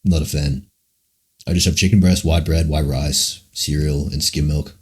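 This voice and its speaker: Very deep-voiced young man streaming. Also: steady tone, moderate pace, a little mellow, breathy edge. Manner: rambling, profane, full of "like" and "man". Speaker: livestreamer. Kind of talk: casual livestream Q&A answering chat.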